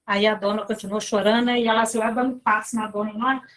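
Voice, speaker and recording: A woman's voice: medium pitch, fairly even intonation, fast talker. A woman giving an informal spiritual talk to a study group, telling stories in a chatty way with asides to her listeners. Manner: chatty, storytelling with filler tags and asides to listeners. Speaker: lay speaker at a spiritist center.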